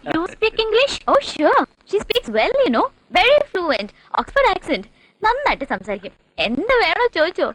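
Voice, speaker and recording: A woman's voice: very high-pitched, wildly swooping pitch, slow, a bit bright, dry recording, heavily acted, rough recording. An actress playing a snobbish rich young woman who speaks in a mocking, haughty way in film dialogue. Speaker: film character.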